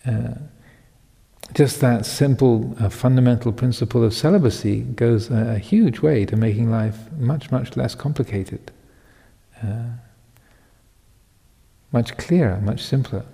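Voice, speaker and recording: A Buddhist monk in his fifties giving a Dhamma talk, reflective and halting, with many pauses and soft chuckles. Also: mid-range voice, creaky. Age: 50s. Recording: long hall reverb.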